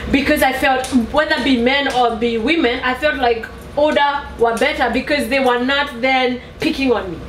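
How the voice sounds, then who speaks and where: High voiced lady w a thick kikuyu accent telling stories, a bit far from the mic, faint noise. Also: normal speed, hardly any pauses, fairly bright tone, echoey room. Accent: heavy Kikuyu Kenyan. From Nanyuki, Kenya. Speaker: host. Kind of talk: casual personal storytelling.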